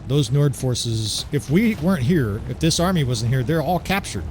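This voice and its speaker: A man's voice: medium pitch, expressive, moderate pace, a little mellow, slight background noise. A man giving casual, enthusiastic commentary over a strategy game playthrough, often tagging his points with "right?". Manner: chatty, enthusiastic, keeps asking "right?". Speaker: gaming commentator. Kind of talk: gameplay commentary.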